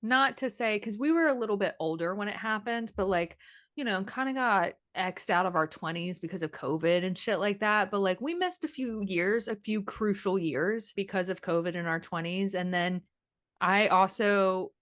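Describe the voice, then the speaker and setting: A woman's voice: mid-range voice, normal speed, fairly bright tone, dry recording, studio quality. A woman in her late twenties co-hosting a true-crime podcast, chatting casually with lots of fillers and restarts. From Florida. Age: late 20s. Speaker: podcast co-host.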